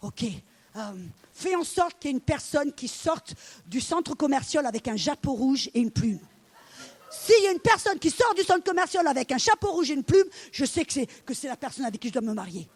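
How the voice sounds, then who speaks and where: A middle-aged woman preaches a sermon in a high voice, speaking a little fast. She tells her stories with animated energy, acting out the dialogue herself and addressing her congregation directly.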